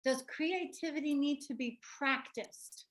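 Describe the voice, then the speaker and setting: A woman's voice: sits high, a little slow, background noise. A woman presenting an online workshop on a video call, talking reflectively, telling stories and asking the group questions.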